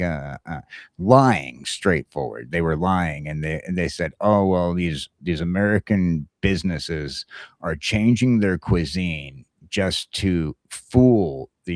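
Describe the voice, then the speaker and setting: A very low-voiced man hosts a laid-back morning talk show, talking casually and haltingly while circling back to repeat his strong opinions. The recording is close and very dry.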